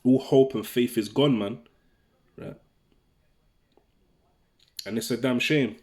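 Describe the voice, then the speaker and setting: A man's voice: medium pitch, slow, darkish tone. A man preaching informally, reading scripture and tagging his lines with "man" and "right?". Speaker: religious teacher.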